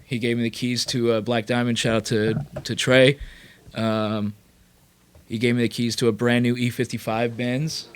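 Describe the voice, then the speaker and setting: A man from California, a rapper and producer, telling his career story as a podcast guest in a loose, animated way full of fillers and swearing. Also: medium pitch, moderate pace, clean tone. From Sacramento, California. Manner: animated, profane, lots of fillers. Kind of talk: casual storytelling.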